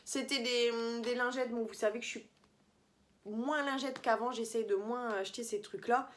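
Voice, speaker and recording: A woman's voice: a little high, fairly even intonation, moderate pace. Chatty woman rambling through a beauty vlog. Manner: chatty, rambling, many fillers and self-corrections. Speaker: beauty vlogger. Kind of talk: casual product review vlog. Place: holiday apartment indoors.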